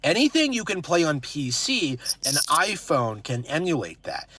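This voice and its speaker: A man speaking in a short online video, making flat, promotional claims. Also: on the high side, moderate pace, husky, dry recording.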